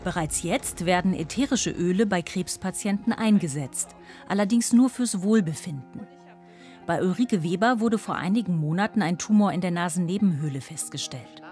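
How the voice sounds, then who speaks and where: A woman reading scripted narration for a TV report in an even, factual manner. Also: lowish voice, moderate pace, soft background music.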